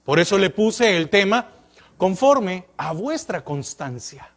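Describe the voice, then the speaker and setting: Male pastor, high voice, preaching sermon with lots of rhetorical questions. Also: big pitch swings, slow pace. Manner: questioning the congregation, rising and falling emphasis.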